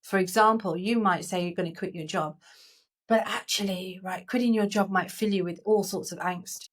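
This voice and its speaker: A woman co-hosting a coaching podcast, explaining ideas earnestly in a relaxed conversational way, often restarting her sentences. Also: mid-range voice, moderate pace.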